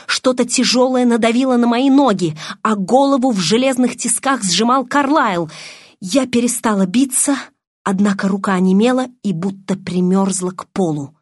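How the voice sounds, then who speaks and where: A woman's voice: mid-range voice, no echo. Female narrator for a first-person drama audiobook, emotive, close and dry.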